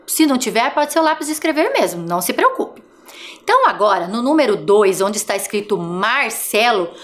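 A woman leads a first-grade lesson for a TV broadcast, sounding out each letter and syllable slowly and patiently. Her voice sits fairly high and swings widely in pitch, coaxing the children along. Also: fairly bright tone. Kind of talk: televised classroom lesson for young children.

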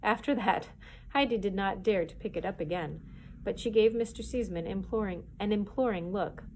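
A woman's voice: medium pitch, normal speed, slight background noise. Woman reading a chapter book aloud. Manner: clear, expressive storytelling. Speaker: children's librarian.

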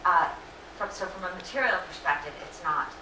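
Slightly hoarse middle-aged woman, distant and echoey. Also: fairly low pitch, lively intonation, brisk, background noise. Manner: earnest, many fillers and self-corrections. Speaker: invited lecture speaker. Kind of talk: lecture Q&A answers. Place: lecture hall. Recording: echoey room, distant mic.

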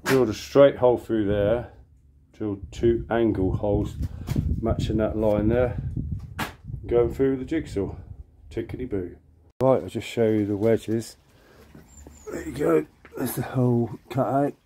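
A man's voice: mid-range voice, measured pace, pauses often, dark tone. A man giving a casual hands-on woodworking demonstration outdoors, informally muttering asides to himself as he works. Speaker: woodworking video presenter. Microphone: handheld camera. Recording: clear background noise with clicks.

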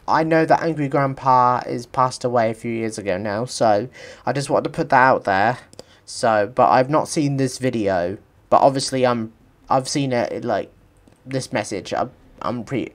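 A man's voice: medium pitch, normal speed. A British man with a slight lisp, rambling casually as a YouTube reaction host. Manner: rambling, repeats "pretty much".

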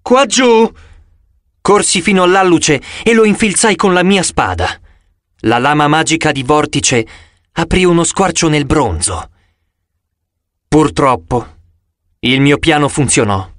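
A man reading an audiobook aloud in a dramatic, expressive way. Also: a little high, unhurried, dry recording, studio quality. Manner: dramatic, expressive reading with sudden loud cries. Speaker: audiobook narrator. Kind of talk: scripted audiobook narration.

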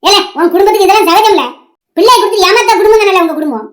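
A voice actor doing a spiteful old village crone. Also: female voice, extremely high pitch, rapid-fire. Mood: scornful. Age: older. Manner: taunting, bitter, scolding. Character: vengeful scheming old village woman. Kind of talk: animated cartoon voice acting.

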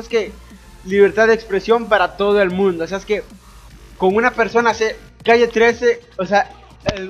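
A man's voice: high voice, fairly bright tone. A young man from Ecuador, a YouTuber answering viewer questions in a boisterous, crude, joking way with lots of swearing. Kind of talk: casual Q&A voice-over over gameplay.

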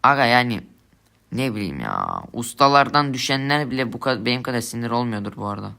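A man's voice: medium pitch, big pitch swings, fast, gravelly, sharp tone. A young man giving angry gameplay commentary, swearing and ranting at his teammates in frustration. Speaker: gamer streamer.

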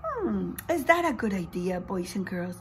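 Slight background noise accompanies a very animated, medium-pitched, slightly slow woman's voice. She's a middle-aged teacher in a small room of posters and books, expressively reading a picture book and questioning the young children directly.

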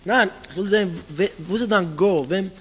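A man's voice: high voice, normal speed, a bit bright, a little hiss or hum. A man preaching with pointed questions. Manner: repeats pointed rhetorical questions, mixes in English words. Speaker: rabbi giving a Torah talk.

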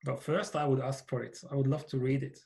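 A Hungarian-accented man in his forties speaks on a video-call podcast through a headset boom mic. His voice is mid-pitched and his delivery is earnest and measured. He sounds like he is in a small home office. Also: little pitch movement, gravelly, warm tone. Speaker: company founder, guest. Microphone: over-ear headset with boom mic.

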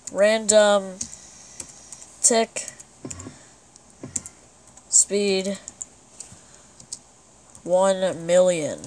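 A woman giving let's play commentary as she plays, excitable and breaking into sudden exclamations. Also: medium pitch, slight background noise. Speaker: gamer.

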